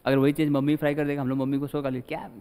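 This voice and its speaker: A man's voice: mid-range voice, little pitch movement, rapid-fire, dark tone, clear, resonant tone. A male teacher giving a chatty classroom lecture, acting out little scenes as he explains. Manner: chatty, mixes Hindi with English, acts out little scenes. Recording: long hall reverb.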